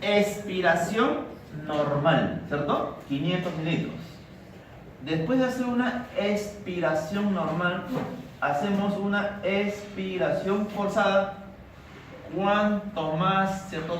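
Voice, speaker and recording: A male physiology lecturer with a Peruvian accent, teaching a class and constantly checking in with his students with "right?" and "are we clear?". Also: high voice. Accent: Peruvian Spanish. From Peru. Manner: checks in constantly with "¿cierto?" and "¿estamos?". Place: large echoey classroom. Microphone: distant camera mic. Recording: echoey, far from the mic, noisy room.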